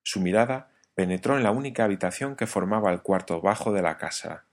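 A man narrating a novel as an audiobook, in a measured storytelling reading. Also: lowish voice.

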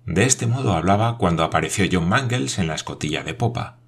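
A male narrator with a very deep voice reads a novel aloud. His delivery is measured and even, a steady scripted audiobook reading. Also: creaky, slightly rough.

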